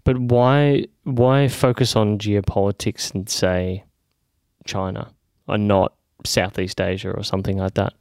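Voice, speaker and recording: A man's voice: on the low side, fairly even intonation, measured pace, creaky, a little mellow, no echo, studio quality. A man hosting an interview, asking questions in a casual, chatty way with many short acknowledgements. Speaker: interview host. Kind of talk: conversational interview.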